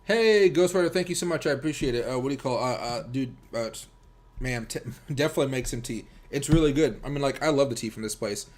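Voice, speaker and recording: Talking fast at a medium pitch, an American man hosts a livestream full of relaxed, wandering chat. He's a crypto trader and addresses his viewers informally and head-on.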